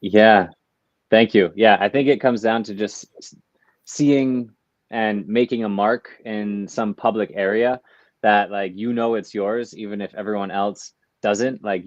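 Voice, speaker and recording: An American man, an artist and entrepreneur, is a guest on a podcast, speaking in a reflective, easygoing interview style and laughing often. His voice is lowish with fairly even intonation and an unhurried pace. The remote audio is dull, dry and lo-fi, with no room sound.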